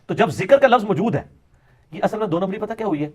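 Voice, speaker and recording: High-voiced man lecturing sarcastically. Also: lively intonation, highs cut off. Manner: sarcastic, mocking, lapses into Punjabi quips. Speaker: religious speaker. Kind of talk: polemical religious lecture.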